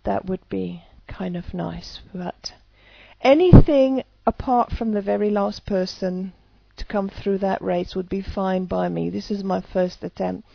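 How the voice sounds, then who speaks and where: A woman's voice: medium pitch, fairly even intonation, unhurried, creaky. A woman talking casually to camera in a hesitant way, often restarting her sentences. Her voice is recorded dry and a little dull, with no room echo. The sound is slightly lo-fi. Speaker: EFT practitioner.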